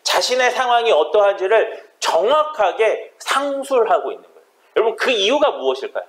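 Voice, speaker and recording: A man's voice: high voice, big pitch swings, fairly quick, a bit bright, low-quality recording. A man preaching a sermon as pastor, impassioned and building to fervent pleading.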